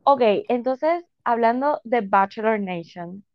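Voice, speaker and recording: A woman dishes gossip in a lively, casual chat, slipping English words into her talk. Her voice sits somewhat high, and the sound is dry with a slightly dull, lo-fi edge. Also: takes it slowly, no room sound. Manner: animated gossip, code-switching into English. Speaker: podcast co-host.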